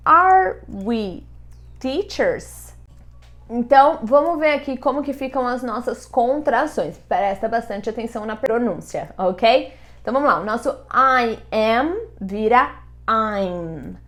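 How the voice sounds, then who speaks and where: A young woman whose first language is Portuguese, teaching English grammar in a lively explanatory way and slowing down to say the English examples. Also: fairly high pitch.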